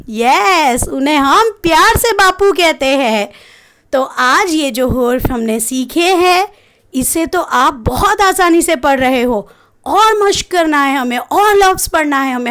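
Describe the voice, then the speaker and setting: A young woman teaches small children to read, pausing over each syllable and asking them to repeat it. Her voice sits very high, and she speaks at a slow, deliberate pace. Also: a bit bright. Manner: slow, drawn-out syllable drilling. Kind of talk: children's lesson.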